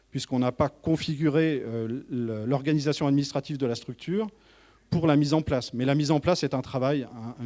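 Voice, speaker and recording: A tourist office manager gives an informal professional presentation to colleagues, speaking haltingly with frequent false starts. His voice is medium-pitched with a dark tone.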